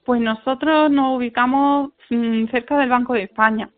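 A woman's voice: on the high side, steady tone. Woman speech therapist on a phone line. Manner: measured, explanatory, with thoughtful pauses. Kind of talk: radio interview answers.

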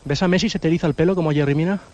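Quick-talking radio reporter, teasing. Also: male voice, fairly high pitch, a little mellow, muffled recording. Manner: teasing, informal questioning. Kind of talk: quick interview questions.

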